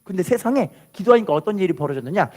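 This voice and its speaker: A man delivers a Sunday sermon as a pastor, his voice sitting high and leaping up and down as he preaches. He draws the congregation in with questions and repeated phrases. At the peaks he breaks into full shouts. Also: rapid-fire. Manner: animated preaching with call-and-response, shouting at peaks.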